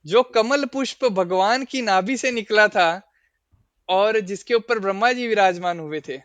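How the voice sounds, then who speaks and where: Male scripture teacher, smooth resonant voice, patient explaining manner. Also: high-pitched, unhurried, a bit bright, no room sound. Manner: explains verses and asks listeners questions. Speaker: spiritual teacher. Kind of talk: scripture class.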